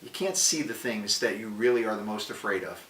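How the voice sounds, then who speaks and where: Bright-voiced male devotional podcast host. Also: lowish voice, a little fast, recorded from a distance, slight background noise. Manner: energetic, conversational preaching. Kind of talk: casual devotional talk. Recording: roomy, away from the mic.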